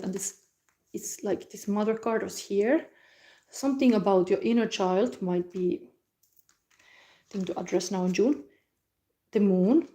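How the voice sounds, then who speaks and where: Woman, tarot reader, warm mellow tone, soft and musing, hums between thoughts. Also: mid-range voice. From Finland. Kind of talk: live tarot card reading.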